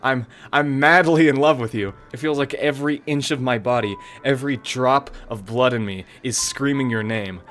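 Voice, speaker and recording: A man reading a shy bookish girl's lines aloud in a game playthrough, in a soft, low, intense voice. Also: normal speed, hardly any pauses, faint music behind, natural voice. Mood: obsessive. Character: shy bookish teen girl turning obsessive.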